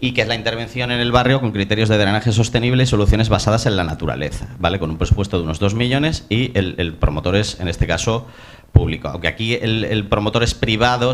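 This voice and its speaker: A man with a lowish voice and a Spanish accent from Spain gives a casual conference talk as an architect. He speaks colloquially, cuts himself off mid-thought, and throws in joking asides.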